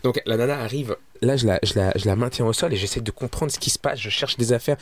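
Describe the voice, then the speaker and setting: Comedian guy rattling off a story super fast, mid pitch, tons of restarts. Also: a little hiss or hum. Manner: rapid, lots of restarts and fillers, animated. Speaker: comedian guest. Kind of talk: casual anecdote storytelling.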